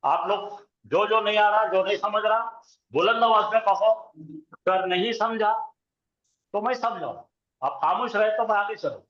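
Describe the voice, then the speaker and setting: High-voiced man teaching in an echoey classroom. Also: moderate pace, fairly bright tone. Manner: drills students with call-and-response questions; chants verb conjugations in rhythmic lists. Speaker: Arabic grammar teacher. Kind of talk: classroom lecture. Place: classroom with students. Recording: roomy, dull lo-fi classroom recording.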